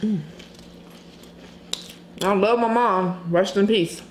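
Chatty woman eating on camera, echoey room. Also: mid-range voice. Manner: chatty and candid, pausing to chew and hum over food. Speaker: mukbang vlogger. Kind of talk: casual mukbang chat while eating. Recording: echoey room, faint background noise.

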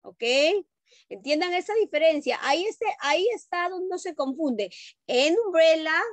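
A woman's voice: high-pitched, dry recording. A woman teaching English to young children in an online class, patiently repeating herself and asking if they understand. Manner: patient, repetitive, checks understanding with questions; calls children pet names. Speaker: primary school English teacher.

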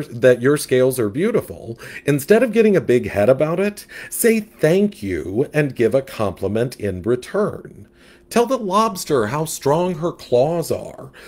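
A man's voice: mid-range voice, a little mellow, voice pushed up. A man voicing a sassy, gossipy male catfish who dramatically gives life advice in a storybook.

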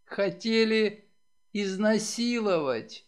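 A man's voice: high voice, takes it slowly, clear, resonant tone, voice pushed up. A man reading aloud and voicing a terrified young woman who cries out and pleads. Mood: sobbing pleas.

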